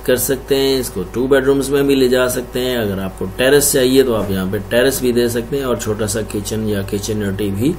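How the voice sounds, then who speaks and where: A man's voice: medium pitch, steady tone, moderate pace, few pauses, darkish tone, a little hiss or hum. A man presenting and explaining house floor plans room by room, as an architect would. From Pakistan. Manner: explanatory, lists rooms one by one. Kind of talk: screen-recorded floor plan walkthrough.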